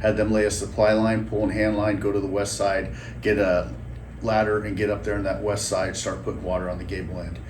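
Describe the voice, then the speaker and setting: A man's voice: fairly low pitch, little pitch movement, a little fast. A male fire commander methodically recounting an incident response. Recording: echoey room with faint noise.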